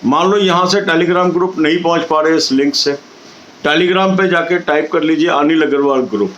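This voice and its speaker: A middle-aged man speaks in a slightly raised register. He coaches exam candidates with steady, instructive advice aimed straight at his viewers. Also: a little high, normal speed, highs cut off.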